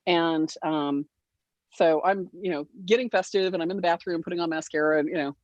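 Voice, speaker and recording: A woman casually telling a funny family holiday story. She laughs often and jumps into high voices when she acts out her relatives. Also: fairly quick, dry recording, muffled recording. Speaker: guild member sharing a story.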